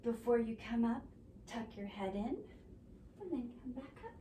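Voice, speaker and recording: A woman leading a preschool yoga class, giving gentle, sing-song prompts to children. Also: a little high, moderate pace, a little hiss or hum. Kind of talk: guided kids' yoga instruction. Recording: echoey room, mic at a distance.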